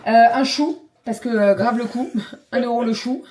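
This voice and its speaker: A woman vlogger chatting casually about her day at home, slangy and full of filler pauses. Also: a little high, a crowd in the background. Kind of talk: casual daily vlog chat.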